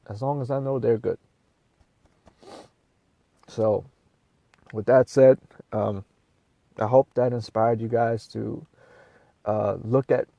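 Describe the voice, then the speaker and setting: Gravelly New man, emotional pep talk. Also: mid-range voice, mellow, no room sound. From Brooklyn, New York. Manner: earnest, emotional, repetitive, with fillers. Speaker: vlogger. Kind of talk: emotional motivational talk to camera.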